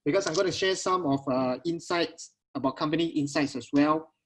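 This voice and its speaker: Casting: Singaporean man as webinar host, slightly high voice, casual Singlish, repetitive check-ins with attendees. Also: a little fast. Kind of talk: casual live webinar talk to online attendees. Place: at home on a video call.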